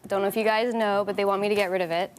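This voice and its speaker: A woman's voice: medium pitch, steady tone, very fast, slight background noise. A young woman with a Canadian accent, a talk show guest chatting casually and laughing easily about her acting work. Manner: chatty, laughing, self-deprecating. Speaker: actress guest.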